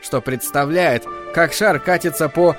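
A man reading a novel aloud as narrator, with measured, expressive storytelling. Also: on the high side, music in the background. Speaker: audiobook narrator. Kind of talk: scripted narration.

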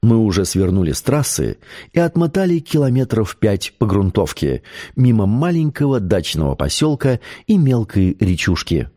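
A man narrating an audiobook in a measured, expressive storytelling manner. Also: on the low side. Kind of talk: scripted narration.

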